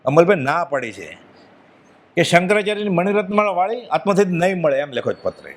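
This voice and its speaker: A man's voice: sits high, big pitch swings, fairly quick. Earnest man giving a devotional talk. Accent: Gujarati. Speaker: spiritual speaker. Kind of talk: devotional discourse.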